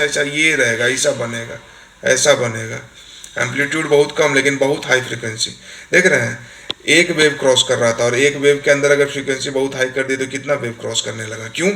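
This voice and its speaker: A man's voice: medium pitch, bright, forceful tone. A man teaching a recorded exam-coaching lecture, explaining with everyday examples and often checking that students follow. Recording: echoey room, faint hiss.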